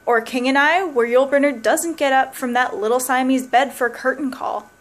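A woman's voice: fairly high pitch, a little slow. A young woman playing an embittered, wry, grieving woman in a searching dramatic soliloquy that moves between musing and bitterness. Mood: bitter, defiant. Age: young adult. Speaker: actor performing a monologue. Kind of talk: dramatic theatrical monologue. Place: small plain room indoors.

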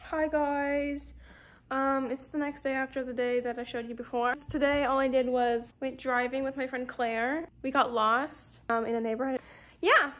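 High-voiced chatty teen girl vlogging. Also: fairly even intonation, moderate pace, a bit bright. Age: teens. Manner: chatty, rambling, giggly. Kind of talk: casual diary vlog.

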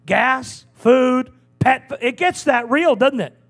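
A man preaching in an evangelist's sermon, fervent and in quick bursts, dropping low when he tells his story. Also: lively intonation.

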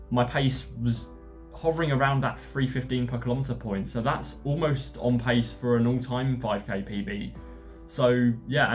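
A man talking casually about his running training in a relaxed, rambling way with lots of fillers. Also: on the low side. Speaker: running vlogger. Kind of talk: casual vlog narration.

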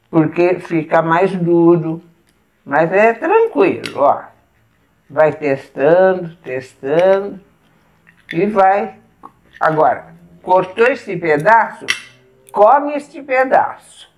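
A woman with a Brazilian Portuguese accent, patiently showing step by step how to eat at the table and pausing to eat as she goes. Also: fairly low pitch. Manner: patient, explains step by step while eating. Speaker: etiquette instructor. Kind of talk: casual demonstration.

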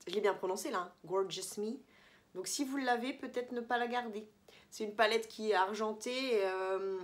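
A woman chatting casually through a beauty product review vlog in a holiday apartment, rambling and correcting herself with many fillers. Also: medium pitch. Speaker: beauty vlogger.

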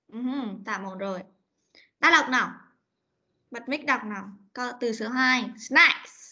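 A woman's voice: a little high, measured pace, pushed and bright. A woman teaching an online class on a video call, coaxing pupils and repeating words for them to echo. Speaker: English teacher. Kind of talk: online class pronunciation drill. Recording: dull lo-fi meeting recording.

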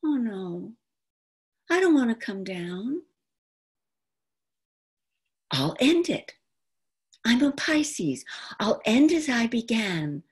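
Seated before a folding screen in a room at home, a woman from New York, roughly seventy, acts out an autobiographical stage monologue. Her delivery is expressive and deliberate, her voice a little high and husky, captured on a computer's video call mic.

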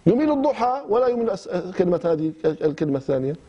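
A man's voice: high voice, sing-song, racing, warm tone, husky. A man from Iraq with an Iraqi Arabic accent, teaching recitation rules in short phrases with frequent hesitations and restarts. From Kirkuk, Iraq. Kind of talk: explaining recitation rules in class. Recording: dull lo-fi class recording.

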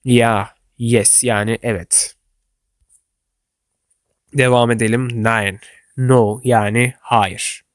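A man's voice: mid-range voice, fairly even intonation, no room sound. Man teaching German phrases, dry sound. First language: Turkish. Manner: slow, deliberate model phrases in German. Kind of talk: instructional explanation for learners.

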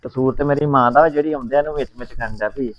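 A man's voice: mid-range voice, racing, dry recording, highs cut off, soft background music, lightly acted. A man with a Punjabi accent playing an angry young son who argues with his mother. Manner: angry, defiant. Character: hot-tempered young married son. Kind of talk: village drama acting.

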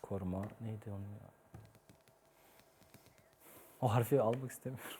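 A man's voice: lowish voice, rapid-fire, mellow, breathy edge. A man competing on a word quiz show, thinking aloud and throwing out short guesses. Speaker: quiz contestant. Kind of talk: answering quiz questions.

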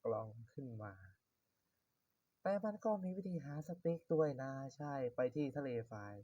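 A man's voice: fairly high pitch, lively intonation, moderate pace, mellow, dry recording. Young guy rambling over his game, swears a lot, kinda dull dry home mic. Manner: chatty, swears, talks to himself while playing. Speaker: gaming YouTuber. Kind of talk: casual Minecraft let's-play commentary.

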